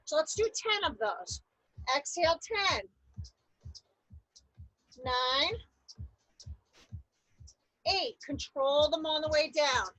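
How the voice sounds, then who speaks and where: A woman aerobics instructor leading an exercise class, giving energetic, encouraging cues and counting reps. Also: high voice, slow, long pauses, no room sound, rough recording. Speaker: aerobics instructor leading a seated chair workout.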